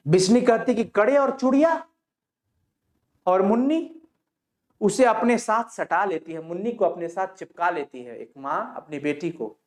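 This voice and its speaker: A male teacher explaining a play to students, retelling scenes and quizzing them with quick questions. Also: sits high.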